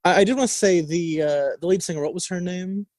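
Speaking fairly fast in a high, slightly mellow voice, a young man co-hosts a college radio show and casually reviews a record. He fills his talk with fillers and restarts, and the studio-mic recording from the radio studio has no echo.

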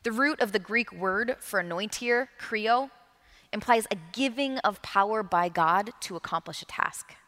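A woman's voice: medium pitch, unhurried, pushed and bright. A woman preaching a sermon, earnest, repeating key phrases for emphasis. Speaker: pastor. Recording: long reverb of a large hall.

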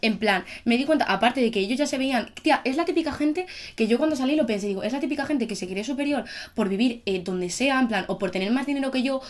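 A woman's voice: a little high, fast talker, few pauses. A young woman from Spain with a Spanish accent, co-hosting a casual podcast chat and telling stories animatedly, acting out what people said. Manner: animated storytelling, acts out quotes. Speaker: podcast co-host.

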